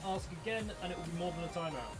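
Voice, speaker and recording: Relaxed man over loud background music. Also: fairly high pitch, fast talker. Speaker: stream co-host and chat moderator. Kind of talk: casual chat during a game stream.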